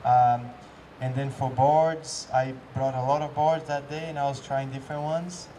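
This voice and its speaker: A man's voice: mid-range voice, level tone, normal speed, warm tone. Man, pro windsurfer, casual Q&A, hesitant, distant mic, faint outdoor noise. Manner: hesitant, many fillers and restarts. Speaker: pro windsurfer answering questions. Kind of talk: casual Q&A answers.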